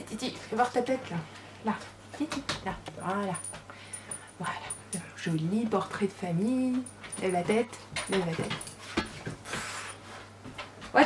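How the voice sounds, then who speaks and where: A woman vlogging casually from her craft room at home, chatting to the viewers and coaxing her dogs to sit. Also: mid-range voice. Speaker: scrapbooking vlogger. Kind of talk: casual chat to camera. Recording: distant camera mic, noisy room. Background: dogs moving about.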